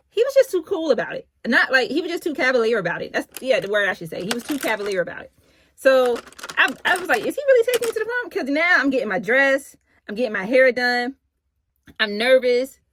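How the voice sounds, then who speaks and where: A middle-aged woman tells a personal story in a loose, chatty way, her voice sitting a little high. The sound is dry and close, with no room around it. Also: a bit bright, no echo. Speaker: vlogger. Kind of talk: casual storytelling to camera.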